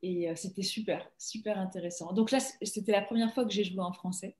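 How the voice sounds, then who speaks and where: A woman, a guest actress, talking casually in an interview, relaxed and chatty with many fillers and restarts. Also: medium pitch, a little fast. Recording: echoey room sound.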